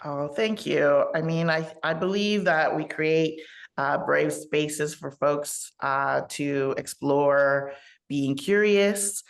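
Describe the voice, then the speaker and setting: Woman, low pitch, gravelly texture, reflective interview guest, unhurried pauses. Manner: measured, reflective, with frequent pauses and fillers. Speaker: kettlebell coach, podcast guest. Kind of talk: casual interview conversation.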